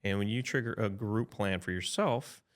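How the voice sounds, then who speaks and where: Speaking at an ordinary pace, a lower-voiced man in his fifties explains insurance options conversationally for a podcast. He works things out as he goes, backtracks and starts over, and repeatedly asks "right?" to confirm he's being followed.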